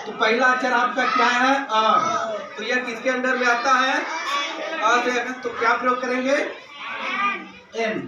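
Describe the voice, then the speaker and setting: High-voiced male teacher in an echoey classroom. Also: fairly even intonation, slow pace, pauses often, dull audio. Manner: asks questions and answers them himself; addresses students as beta. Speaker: school English teacher. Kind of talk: classroom grammar lesson. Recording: echoey room from far off, noisy.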